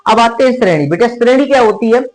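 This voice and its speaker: High-pitched male maths teacher, keeps checking if the class gets it. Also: fast, poor audio. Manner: calls students "beta", checks understanding often.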